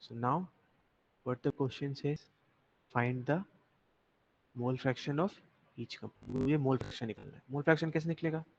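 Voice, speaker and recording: A young man teaching chemistry in an online class, explaining slowly and repeating himself while he quizzes his students. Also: mid-range voice, gravelly, darkish tone. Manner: slow, repetitive explaining, mixing Hindi and English, asking students questions. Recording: dull lo-fi audio with faint noise.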